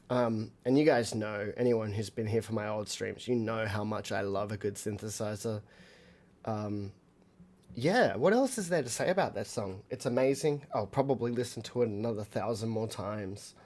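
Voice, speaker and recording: A man's voice: on the low side, expressive, moderate pace. An Australian man, a musician streaming a live album reaction, rambling with many fillers and talking to his viewers.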